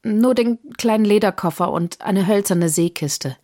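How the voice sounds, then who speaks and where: A shy young widow in a storybook, read by a woman, her voice choked and soft, pitched noticeably higher than the reader's own. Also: unhurried, no echo, studio quality, natural voice. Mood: subdued.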